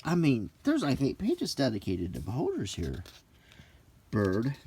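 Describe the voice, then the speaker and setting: Flipping through game books, a middle-aged vlogger chats freely, mixing nostalgia with light grumbling in talk that doubles as accidental ASMR. His mid-range voice is darkish with a breathy edge, swooping wildly in pitch at a measured pace.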